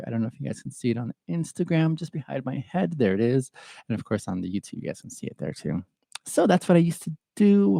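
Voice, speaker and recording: A man from Ethiopia hosting a solo podcast, talking through a question in a thoughtful, halting way with pauses and fillers. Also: mid-range voice, gravelly, mellow, no echo. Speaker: podcast host answering viewer questions. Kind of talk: reflective solo livestream talk.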